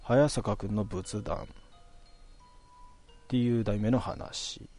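A man casually telling a ghost story in a relaxed, conversational way, stretching out some phrases. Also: on the low side, takes it slowly, soft background music.

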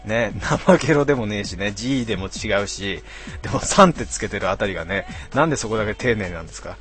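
A man in his twenties, a bit tipsy, chatting casually on a live stream as he reads out viewer comments in rough, slangy, self-mocking banter. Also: lowish voice, lively intonation, fast, a bit bright, soft background music. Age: 20s.

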